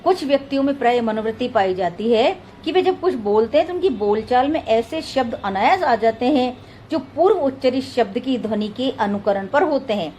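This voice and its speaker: A woman with a fairly high voice delivers a lesson in a steady, explanatory tone, slowing down to lay out each example carefully. A faint hiss sits under the recording. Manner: steady, explanatory, slows to spell out word examples. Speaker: teacher. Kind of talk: lecture read from notes.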